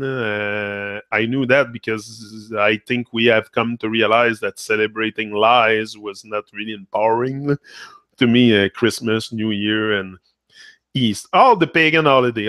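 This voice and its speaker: A medium-pitched, slightly bright voice with no echo belongs to a Québécois livestream host, a native French speaker. He casually reads comments and chats with viewers, alternating English and French mid-thought and tagging phrases with "là".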